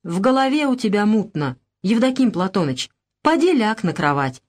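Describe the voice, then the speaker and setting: A woman's voice: medium pitch, very animated, moderate pace, a little mellow. A woman voicing a respected old village elder who admonishes steadily, in a spoken storybook. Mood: admonishing.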